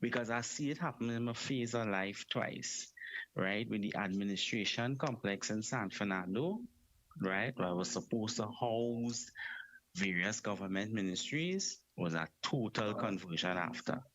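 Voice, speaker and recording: A man's voice: fairly low pitch, moderate pace, a bit bright, lo-fi sound. Rambling Trinidadian male caller. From South Trinidad. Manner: rambling, repeats "right?".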